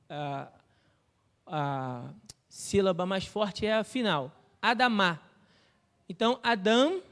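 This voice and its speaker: A Brazilian Portuguese-accented male pastor preaches in a church with a very high voice. He explains like a teacher and keeps asking his listeners questions. His voice rings out with a long reverb trailing through the hall. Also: a bit bright. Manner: teacherly, asks the congregation rhetorical questions. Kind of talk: sermon.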